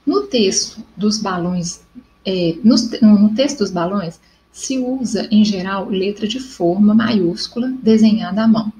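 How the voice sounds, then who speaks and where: A woman's voice: medium pitch, unhurried, dark tone, poor audio. Brazilian woman teacher explaining a lesson. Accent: Brazilian Portuguese. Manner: explanatory, checks in with "tá?" and "ok?". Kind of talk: online class lesson.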